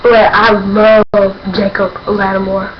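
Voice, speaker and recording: A woman's voice: mid-range voice, level tone, takes it slowly. A young woman chatting casually in a vlog, rambling and gushing with lots of fillers. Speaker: vlogger. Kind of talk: casual vlog chat recounting a concert. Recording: dull lo-fi sound with loud background noise.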